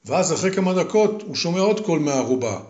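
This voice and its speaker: An older man, a grandfather, telling a story to his grandchildren slowly and with repetition. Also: a little high, big pitch swings, a little mellow, echoey room, muffled recording. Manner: slow, deliberate, with repetition.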